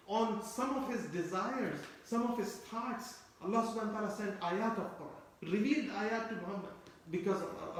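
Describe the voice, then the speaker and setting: Heard from a distance in a heavily reverberant room, a high-voiced man teaches a tafsir lecture on the Quran. A native Turkish speaker, he repeats himself for emphasis and asks his audience rhetorical questions while explaining.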